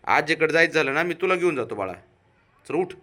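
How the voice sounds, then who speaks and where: A man coaxing and doting on his pet cat in soft baby talk, repeating gentle pleas over and over. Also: fairly high pitch, expressive, fairly quick. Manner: repeats soft pleading commands. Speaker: cat owner vlogger. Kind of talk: casual home pet vlog.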